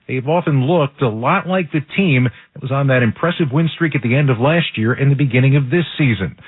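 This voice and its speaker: A man hosting a radio postgame show from a studio, narrating a recap of football highlights. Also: husky. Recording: phone-like radio sound with music underneath.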